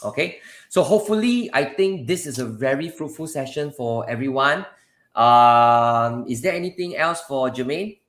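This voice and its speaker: A Singaporean man hosts a casual live stream in a roomy, echoing space. His voice sits at a middling pitch. He advises conversationally, repeating himself and addressing viewers directly. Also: lively intonation, moderate pace, a bit bright. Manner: repetitive, conversational, often addresses listeners directly. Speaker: live session host and property adviser.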